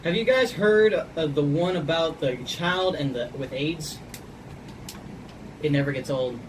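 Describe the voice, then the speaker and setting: A woman casually reading jokes as host of a laughing challenge, blunt and sweary. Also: unhurried. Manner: profane, blunt. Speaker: joke reader hosting a laughing challenge. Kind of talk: casual joke telling. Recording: noisy, distant microphone, rumbling background.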